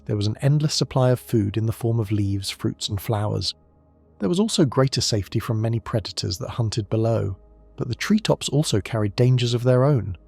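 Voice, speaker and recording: A man delivering scripted nature documentary narration in a measured, descriptive storytelling manner. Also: mid-range voice, creaky, darkish tone, dry recording.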